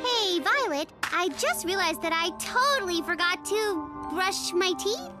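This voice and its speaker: A woman voicing an earnest young girl superhero in a cartoon, quick with excuses. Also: very high-pitched, expressive, music in the background. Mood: awkward, eager. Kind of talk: animated cartoon voice acting.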